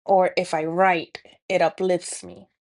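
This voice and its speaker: Low-pitched and darkish, this woman's voice stays flat and measured as she hosts a spiritual healing talk. She is Dominican, with a Dominican Spanish accent, and speaks earnestly to camera in a reflective monologue with many fillers and restarts.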